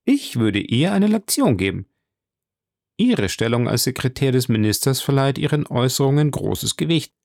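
A man's voice: mid-range voice, very animated, normal speed, creaky, a little mellow, no echo, clean studio sound. A man voicing an earnest young vicomte in an audiobook, raising his voice to play him. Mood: eager. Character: young eager male vicomte.

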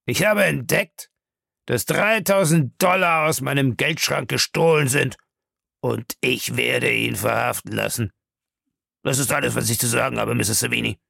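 Ein Mann spricht einen grimmigen, bedrohlichen älteren Mann in einer Hörbuchlesung, langsam und brummig. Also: male voice, mid-range voice, creaky, sharp tone, no room sound, clean studio sound, heavily acted. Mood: cold. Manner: slow, grumbling. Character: Abel Bellamy, a gruff, menacing older man.

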